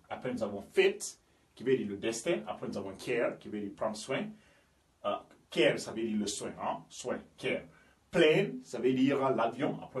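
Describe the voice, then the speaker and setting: A man from Guinea, an English teacher, giving a language lesson and often checking "ok?" with his listeners. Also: medium pitch. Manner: explains slowly, often checks with "ok?" and "you understand me?". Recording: echoey room, voice from a distance.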